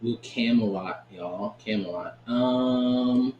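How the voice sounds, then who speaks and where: A man's voice: medium pitch, takes it slowly, lo-fi sound. Chatty gaming man in an echoey room. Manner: chatty, keeps asking "right?", laughs often. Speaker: gaming channel host. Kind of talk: casual gameplay commentary. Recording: echoey room with faint ambient noise.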